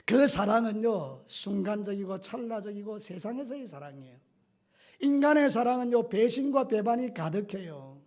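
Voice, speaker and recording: A middle-aged male pastor preaching a sermon with animated storytelling, acting out scenes and voices. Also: high-pitched, normal speed.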